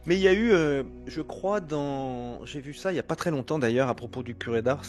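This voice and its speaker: A man's voice: mid-range voice, a little fast, soft background music. A man hosting a casual interview, asking questions with hesitations and frequent restarts. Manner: warmly curious, hesitant with many "euh" and restarts. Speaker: interviewer, host.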